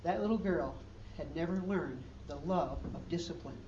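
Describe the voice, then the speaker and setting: A pastor with a slightly high, darkish voice preaches a sermon at a normal speed, earnest and full of emphatic rising questions. He's recorded from a distance in a church hall, and the sound is lo-fi with slight background noise.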